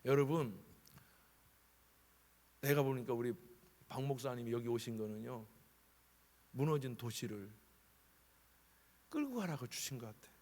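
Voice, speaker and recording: A middle-aged man with a husky voice preaching a revival sermon in a church sanctuary, lively and animated, acting out the voices he quotes. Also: medium pitch, measured pace, pauses often. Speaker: guest preacher. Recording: long church hall reverb.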